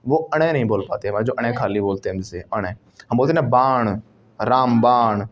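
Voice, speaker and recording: A man's voice: medium pitch, brisk, muffled recording. A man teaching spoken English to a class, playful and joking as he drills call-and-response phrases. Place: classroom with students.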